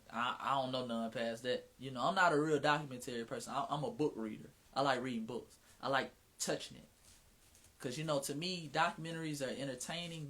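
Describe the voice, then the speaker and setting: A man's voice: medium pitch, fairly bright tone. Frank slangy Southern man with a twang. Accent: Southern US with a Mississippi twang. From Atlanta, US. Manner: slangy, frank, drops profanity, many restarts. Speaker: author hosting his own livestream. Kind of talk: casual livestream chat.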